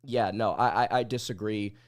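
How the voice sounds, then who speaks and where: A man's voice: on the low side, moderate pace. Under-the-weather man hosting a sports livestream. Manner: blunt, opinionated. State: under the weather, sick-sounding voice. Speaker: podcast host. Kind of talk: live sports commentary livestream.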